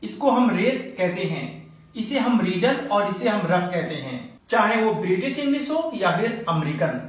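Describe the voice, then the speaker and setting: A man teaching a video lesson on English, calmly explaining examples and calling his viewers friends. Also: high voice, normal speed. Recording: very echoey room.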